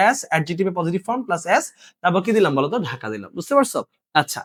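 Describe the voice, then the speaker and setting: Male tutor, high-pitched and quick, drills students with his own Q&A. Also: a bit bright. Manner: quizzing, answers his own questions; casual, addresses students directly. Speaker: English teacher. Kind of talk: exam-prep grammar lesson.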